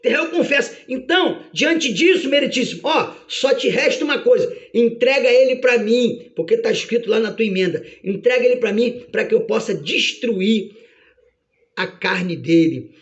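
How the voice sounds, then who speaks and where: A preacher voicing Satan as a taunting, frantic accuser in a sermon. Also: male voice, lively intonation, moderate pace, highs cut off. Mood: gloating. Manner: taunting, high and shouty.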